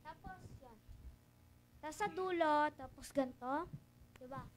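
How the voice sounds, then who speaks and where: A woman's voice: high voice, a little slow. A woman hosting a kids' show. She questions her guests one by one, then counts out and coaches a dance step by step. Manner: chatty, asks guests questions in turn. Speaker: show host.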